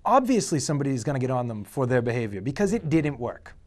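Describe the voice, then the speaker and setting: Man, mid-pitched, dry-humored sports co-host who argues back. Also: sing-song. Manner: wry, quick to argue back. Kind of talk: casual sports chat.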